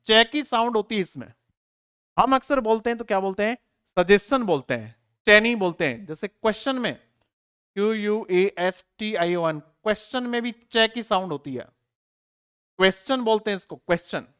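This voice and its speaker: A man's voice: high voice, fairly bright tone, smooth. A male teacher giving an online exam-prep grammar lesson. He asks students questions and answers them himself, repeats key words, spells them out letter by letter and urges the class on in a friendly, informal way.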